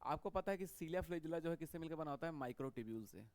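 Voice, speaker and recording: A male biology teacher gives a lecture. He talks at a somewhat raised pitch and often repeats terms while checking in with students. His voice is close and dry, with almost no room sound. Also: lively intonation, normal speed, darkish tone, no room sound. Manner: repetitive, checks understanding with frequent "okay". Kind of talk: classroom lecture.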